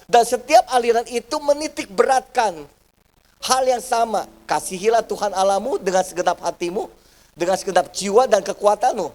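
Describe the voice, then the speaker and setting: A man's voice: sits high, animated, normal speed, a little mellow. A man pastor preaching a sermon to his congregation, calling them "brothers and sisters" and acting out the voices of people in his stories. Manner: addresses the congregation as "saudara" often, acts out quoted family voices. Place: church service.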